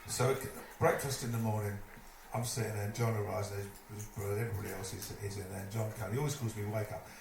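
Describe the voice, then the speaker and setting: Guy telling stories on stage, does everyone's voices, lowish voice, far off mic, noisy. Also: fast, vocal fry. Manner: lively, mimics other people's voices while telling a story. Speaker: storyteller at a live evening event. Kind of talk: anecdotal stage storytelling. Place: live event venue, indoors. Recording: echoey room, distant mic, noisy.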